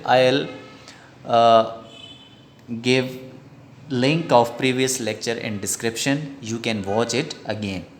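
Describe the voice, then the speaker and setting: A man's voice: medium pitch, fairly bright tone, a little hiss or hum. A man with a Pakistani English accent giving a recorded grammar lecture, repeating each key sentence twice.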